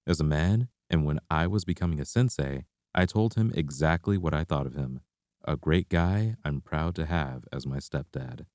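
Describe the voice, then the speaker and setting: Deep, mellow man reading a memoir. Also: dry recording, studio quality. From Canada. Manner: reflective, steady storytelling. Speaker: martial arts instructor. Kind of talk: reading a personal memoir aloud.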